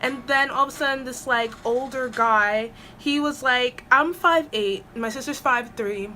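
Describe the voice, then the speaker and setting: A woman's voice: sits high, unhurried, pushed and bright, slight background noise. A woman vlogger telling a storytime at home, chatty and rambling with lots of "like"s and restarts. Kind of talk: storytime vlog. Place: at home with an air purifier running.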